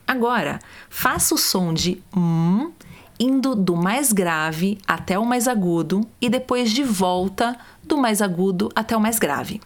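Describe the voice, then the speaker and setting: A woman, calmly guiding listeners step by step through vocal warm-up exercises. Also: medium pitch, a little slow. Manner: calm, step-by-step, demonstrates sounds. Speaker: voice coach. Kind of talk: guided vocal warm-up instructions.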